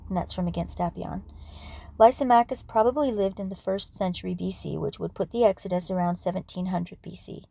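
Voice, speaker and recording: A woman losing her voice, reading history aloud at a casual pace, with asides and throat clearing. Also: lowish voice, fairly even intonation, a little fast, mellow, no room sound. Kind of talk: casual read-aloud for sleep.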